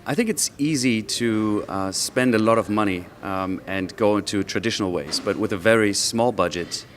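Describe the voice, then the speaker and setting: A man answering interview questions as a marketing executive on a judging panel, speaking in a measured way with occasional fillers. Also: fairly low pitch, slight background noise.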